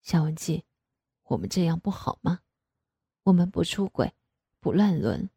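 A woman doing a husky, indulgent father. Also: moderate pace, dark tone, dry recording, studio quality. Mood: soft, teasing. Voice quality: husky, lowered voice. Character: middle-aged father, indulgent and teasing. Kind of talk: audio story reading.

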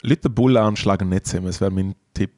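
A man's voice: sits low, quick pace, a little mellow, no room sound. A man who chimes into a casual chat with short questions and dry quips.

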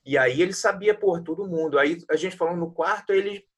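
A man's voice: on the high side, fairly quick, fairly bright tone. A man hosting a casual interview, reminiscing about old jiu-jitsu days with a fellow fighter. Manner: reminiscing, conversational.

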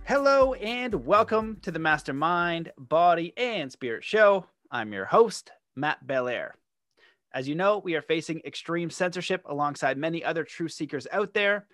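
A man hosting a podcast, speaking in a slightly high voice while faint music plays behind him. He talks earnestly and promotionally, full of "um"s and "uh"s. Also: expressive, moderate pace, a bit bright, no echo, clean studio sound. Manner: earnest, promotional, with many fillers. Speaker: podcast host. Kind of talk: podcast intro and interview.

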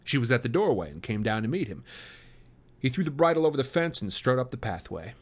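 A man hosts a read-aloud, narrating a classic novel at a measured, even pace. His voice sits at a plain middle pitch. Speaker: host reading a novel aloud. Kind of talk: audiobook-style narration.

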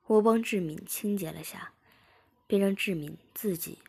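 Brief: breathy whispering female storyteller, even pitch, whispered role-play. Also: unhurried. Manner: hushed, steady narration. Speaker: story reader.

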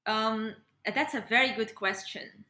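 A young Moroccan woman, a yoga and breathwork facilitator, chats casually as a guest on a podcast interview. Her voice is slightly high and sharp in tone, and she speaks without hurry. The recording sounds roomy and echoey.

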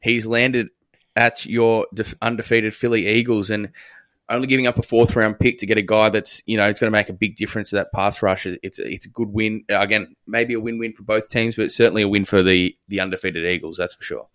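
A man's voice: fairly low pitch, steady tone, brisk, a bit bright, clear, resonant tone. A man with an Australian accent hosting a casual sports discussion podcast.

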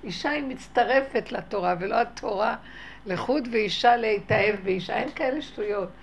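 Gravelly-voiced Israeli woman telling a tale. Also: fairly high pitch, a little hiss or hum. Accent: Israeli Hebrew. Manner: animated storytelling, acts out quoted voices. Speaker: religious teacher.

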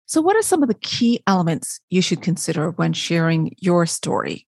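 A woman from Barbados hosts a motivational podcast with a low, gravelly voice. She is recorded dry and close. She poses rhetorical questions, answers them herself and tags her points with "right?". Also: big pitch swings, normal speed, darkish tone, no echo. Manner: often checks in with a tag "right?". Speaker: podcast host.

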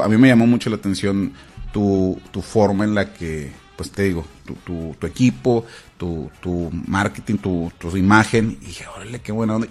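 A man with a Mexican Spanish accent hosting a casual interview, friendly and affirming, with many fillers. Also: on the low side. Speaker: podcast host.

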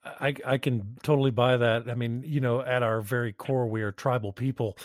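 An emergency physician tells stories in a podcast with an animated, joking manner. His voice sits in a mid range, and the sound is close and dry. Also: mid-range voice, moderate pace, no room sound. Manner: animated storyteller, jokey asides. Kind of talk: conversational podcast interview.

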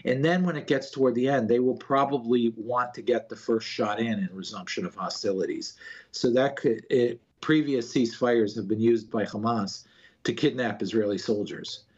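A man speaks as an analyst in a news interview. His voice is husky and mid-pitched, with a slightly dull recording. He explains his points haltingly, often doubling back on words. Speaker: political analyst interviewed as a guest.

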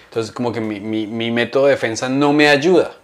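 A young man chats on a comedy podcast. He tells stories with lots of slang and acts out what other people said in a lively way. His voice sits in a middle pitch. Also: fairly quick. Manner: animated storyteller, slangy, acts out quotes. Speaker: podcast co-host. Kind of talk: casual comedic chat.

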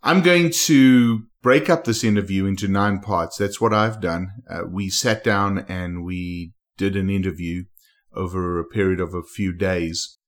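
With a deep voice and measured pace, a male podcast host introduces guests enthusiastically and in a rambling manner during a casual interview.

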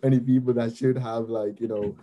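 A man speaking as a guest in a panel chat, with rapid, chuckling asides. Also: medium pitch, level tone, warm tone, lo-fi sound. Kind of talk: conversational panel discussion.

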